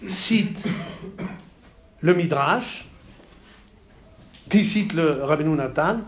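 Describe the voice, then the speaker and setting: Male teacher in class, fairly high voice, halting delivery with lively stresses, roomy echo. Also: a little hiss or hum. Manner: halting, repeats words, animated stresses. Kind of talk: classroom text study.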